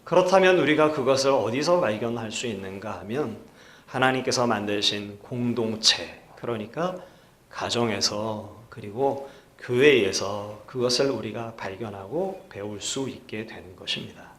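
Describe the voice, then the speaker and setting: A male pastor preaching a sermon in a measured, earnest way, putting rhetorical questions to the congregation. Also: on the low side, fairly bright tone. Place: church sanctuary. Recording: echoey church hall.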